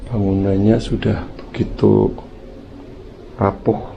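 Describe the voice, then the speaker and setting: A man's voice: fairly low pitch, little pitch movement, slow pace, vocal fry, mellow, dull audio. A man narrating a casual exploration vlog to his viewers, talking in a hesitant, uneasy manner. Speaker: vlogger, channel host. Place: outdoors around an overgrown empty house. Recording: noisy outdoor handheld recording, ambient hum.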